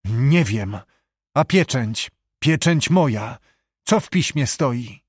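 A man voicing an old wounded knight, speaking gravely and slowly with a heavy, distraught manner. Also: medium pitch, animated, no echo, studio quality. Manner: grave, heavy, slow-spoken.

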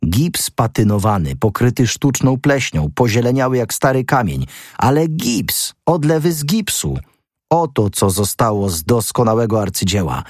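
A man reading the part of a brash young amateur detective, rising into excited, high-pitched outbursts. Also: normal speed, dry recording, studio quality. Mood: triumphant. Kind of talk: audiobook character reading.

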